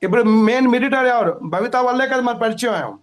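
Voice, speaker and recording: Urgent fast-talking Telugu man. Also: extremely high pitch, expressive. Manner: urgent, repetitive, rushing to explain. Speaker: interviewee. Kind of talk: agitated phone-in complaint.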